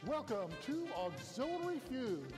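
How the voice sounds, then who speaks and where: A man calls out a game show opening in a big, booming announcer voice that leaps way up high and swings all over. Loud music pounds right under him. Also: wildly swooping pitch, unhurried.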